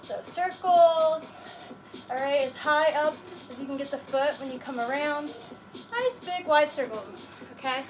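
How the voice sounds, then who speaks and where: A woman's voice: sits high, unhurried, a little hiss or hum, low-quality recording. A woman coaching like an aerobics instructor, casually giving exercise cues and counting reps with encouragement. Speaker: fitness instructor leading a live workout. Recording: music playing behind the voice.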